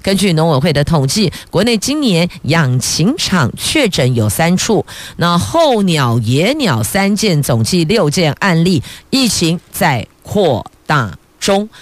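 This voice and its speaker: A woman's voice: low-pitched, no room sound. A middle-aged woman with a Taiwanese Mandarin accent, a radio news host reading headlines and adding chatty, playful asides to listeners.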